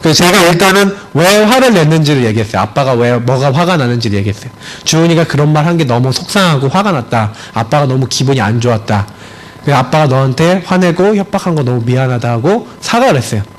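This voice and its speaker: Swinging between forceful high points and soft, low storytelling, a male pastor shares a family story in his sermon in a church sanctuary. His delivery is expressive and fast, captured in a rough recording.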